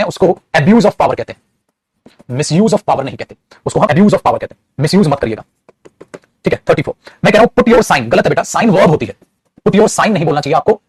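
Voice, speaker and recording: A male teacher lecturing a class in a high, husky voice. He rushes through grammar points at great speed and often calls his students "child". The sound is dry and close. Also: no room sound. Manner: lectures with moral advice. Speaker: English teacher.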